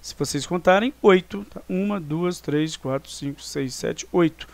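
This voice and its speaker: A man's voice: a little high, unhurried, gravelly, a little mellow, dry recording. A man teaching a recorded review lesson with a Brazilian Portuguese accent, explaining step by step and counting syllables aloud.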